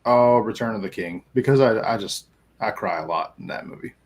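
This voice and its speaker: A man answering questions as a guest on a casual livestream, rambling, with restarts, trailing off softly and laughing often. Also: lowish voice, fairly quick. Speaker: guest, small business owner. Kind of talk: casual interview chat.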